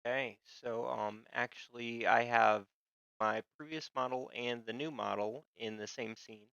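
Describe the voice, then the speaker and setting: A man's voice: mid-range voice, steady tone, a little slow, vocal fry, fairly bright tone, clear, resonant tone, dry recording, muffled recording. A man streaming, chatting casually and rambling with lots of fillers.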